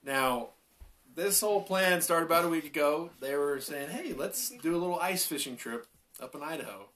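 A man in his twenties, a podcast guest, telling a story in a relaxed, rambling way with restarts. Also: on the high side, moderate pace. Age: 20s. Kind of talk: casual storytelling chat.

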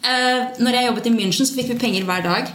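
A woman's voice: fairly high pitch, a bit bright. Scandinavian woman telling a story in an echoey room. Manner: mixes Norwegian and Swedish words, tells the story with quoted dialogue and English slang. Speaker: podcast guest, stripper and entrepreneur. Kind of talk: casual storytelling in a podcast interview.

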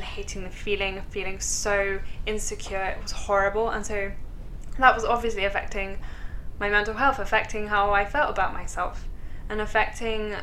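Bright-voiced woman chatting on a podcast. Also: medium pitch, a little hiss or hum, low-quality recording. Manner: informal, candid, self-deprecating. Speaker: podcast host. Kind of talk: chatty solo podcast monologue.

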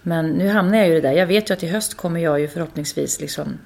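A woman in her thirties and a mother, telling candid, animated stories in a casual podcast chat. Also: fairly low pitch, vocal fry. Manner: candid, animated storytelling with swearing. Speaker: podcast co-host.

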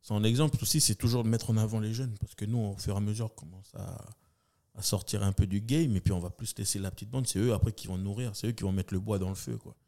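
A comedian and entertainer from New Caledonia, appearing as a guest, tells animated stories from his career in a quick, steady, dark-toned voice. He acts out other people's voices in his anecdotes, swinging his pitch widely.

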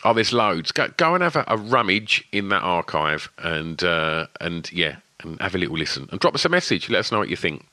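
A man's voice: low voice, sing-song, fairly quick, hardly any pauses, bright, forceful tone, no room sound. A man with an Essex accent and a lisp, hosting a podcast in a casual, rambling, chatty way. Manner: rambling, wittering delivery. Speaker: podcast host.

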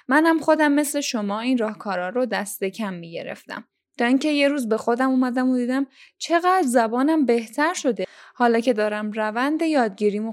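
Slightly high-voiced woman giving podcast lessons. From Iran. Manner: instructive, addresses listeners directly. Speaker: language-learning podcast host.

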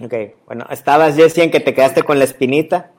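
Man hosting a relaxed interview, a bit high, joking. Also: fast, slightly rough. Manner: joking, encouraging prompts. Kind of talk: casual interview chat.

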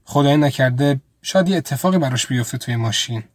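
A man tells a first-person story in a calm, reflective voice, pacing it plainly and quietly. His voice sits in a middling register. The recording is close and completely dry, with no room sound. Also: medium pitch, no room sound. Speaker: storyteller and narrator.

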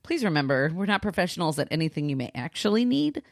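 A woman's voice: fairly low pitch, very animated, quick pace, dry recording, studio quality. A woman co-hosting a podcast for parents, talking candidly and self-deprecatingly in a casual style. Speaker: podcast co-host and mother. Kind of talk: casual podcast chat with scripted announcements.

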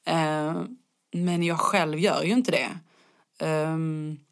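Young adult female singer, low-ish voice, loose chatty storyteller, casual swearing. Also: steady tone. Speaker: guest singer. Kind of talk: casual conversation.

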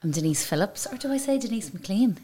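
A woman's voice: mid-range voice, animated, a little fast, dark tone. A woman from Dublin with a Dublin Irish accent, chatting as a podcast guest and telling long, rambling stories. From Dublin, Ireland. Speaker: podcast guest, salon owner. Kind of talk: casual interview chat.

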